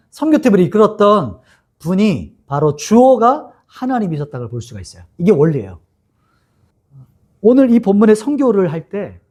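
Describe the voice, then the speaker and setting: Male pastor, sermon delivery; high, very animated pitch, reads scripture and acts out quotes. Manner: lively, asks the congregation questions and acts out quotes.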